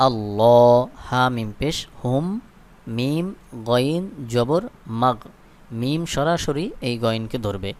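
A Quran teacher with a Bangladeshi Bengali accent and a medium-pitched voice leads a recitation lesson. He spells out syllables, then chants them slowly so learners can repeat after him.

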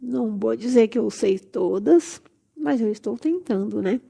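A woman's voice: a little high, expressive, unhurried, vocal fry, mellow, breathy edge. A woman hosting a casual vlog, gushing with delight, her voice nasal and stuffy from a cold. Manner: effusive, gushing exclamations. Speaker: channel host. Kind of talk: casual plant-tour vlog.

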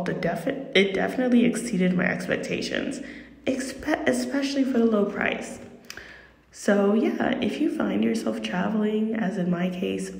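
A woman's voice: fairly low pitch, vocal fry, a little mellow. A woman giving a casual, chatty review voice-over in an effusive, self-interrupting way, recorded in an echoing bathroom. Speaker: video host and painter. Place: small echoing bathroom, indoors. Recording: echoing bathroom, music behind. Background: background music.

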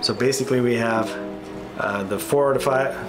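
A man's voice: medium pitch, moderate pace, over music. A man in his thirties, a real estate agent, giving a casual screen-share market update, thinking aloud with fillers and self-corrections.

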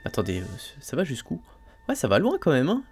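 A man's voice: fairly high pitch, fairly quick, soft background music. Chatty man narrating his gameplay. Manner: chatty, thinks aloud, frequent "hein" and "euh" fillers; excitable, exclaims over new finds. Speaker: let's play host. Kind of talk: casual gameplay commentary.

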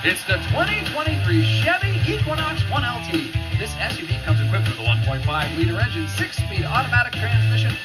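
A male game show announcer with a booming, excitable delivery that runs high and swings widely in pitch. He hypes each prize in a TV studio. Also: fairly quick, few pauses. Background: loud show music.

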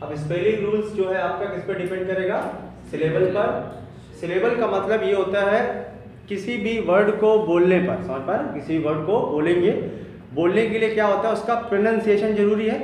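A man teaching a lesson, explaining slowly, repeating terms and spelling words out letter by letter. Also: high voice, darkish tone, a little hiss or hum. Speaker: English teacher. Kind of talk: Hindi lesson on English spelling. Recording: very echoey room from far off.

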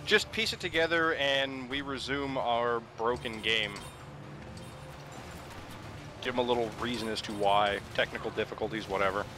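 A man's voice: mid-range voice, moderate pace, background noise. A man bantering casually as he plays a video game, teasing and swearing.

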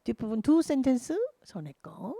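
A woman's voice: fairly high pitch, big pitch swings, moderate pace, vocal fry. An older woman teaching a pop-song singing lesson, chatting, counting beats and singing lines to show her class. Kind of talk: singing lesson, explaining and demonstrating lyrics.

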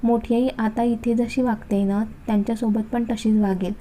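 Young woman figure, outspoken, blunt, dark tone, read by a woman narrator. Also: fairly high pitch, level tone, moderate pace, close to an everyday voice. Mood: angry. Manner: blunt, scolding. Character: outspoken young woman, sharp-tongued sister.

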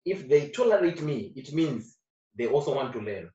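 Recorded from a distance in a roomy space with dull audio, this man speaks at a normal speed in a relaxed interview. He is an actor from Zimbabwe, a native Shona speaker, who comes across as earnest, often repeating himself and growing louder and higher when animated.

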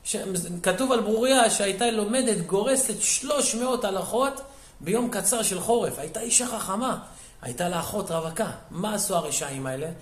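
A male rabbi narrates sermon stories with animated energy and acts out the characters' dialogue. His voice sits high for a man. The recording has a noticeable room echo. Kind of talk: sermon storytelling. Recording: echoey room.

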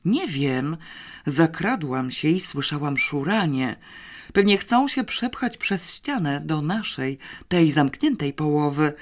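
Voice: mid-range voice, expressive, slow. A reader doing Janeczka, a bossy clever schoolgirl. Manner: confident, scheming, a little scornful.

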